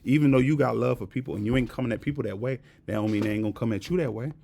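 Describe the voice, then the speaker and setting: A man's voice: medium pitch, rapid-fire, creaky, mellow, slight background noise. A man giving a casual, blunt and profane rant to camera, repeating his points with emphasis. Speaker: vlogger.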